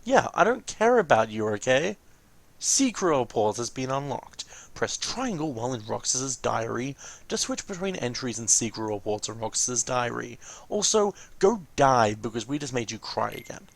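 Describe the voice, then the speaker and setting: A man hosts a let's play with casual, rambling game commentary, informal and often correcting himself mid-sentence. His mid-range voice is creaky and sing-song, at a moderate pace.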